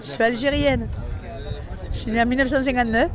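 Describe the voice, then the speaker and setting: A woman's voice: fairly high pitch, steady tone, quick pace. A woman in her fifties from France, giving plain, insistent personal testimony and repeating her key points. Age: 50s. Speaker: interviewee at a street event. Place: outdoors at a busy public gathering. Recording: outdoor street recording amid a crowd.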